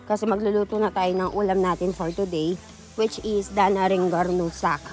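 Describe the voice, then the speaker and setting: A woman's voice: medium pitch, fairly even intonation, normal speed, darkish tone. Young woman, casual mom vlogger, cooing sing-song baby talk, faint music bed. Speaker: vlogger and mother. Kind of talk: casual family vlog chat.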